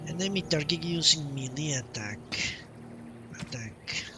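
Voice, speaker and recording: A man on the high side, with lively intonation and a slightly slow pace, live streams a game while reading menus. He thinks aloud and mutters to himself casually. Game music plays clearly behind him, along with background noise.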